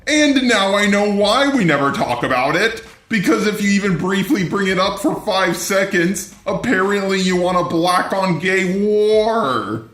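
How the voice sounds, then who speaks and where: A synthetic, robotic text-to-speech male voice serves as a video commentator's robot persona, delivering scripted commentary bluntly and sardonically. It sits high and sounds expressive and fairly bright, unhurried with few pauses, in an echoey room.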